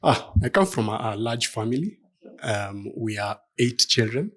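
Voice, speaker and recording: In a conversational interview, this middle-aged law firm partner from Kenya takes his time with answers, hesitating thoughtfully and using lots of fillers. He speaks at a normal speed in a husky, fairly bright, medium-pitched voice with lively intonation.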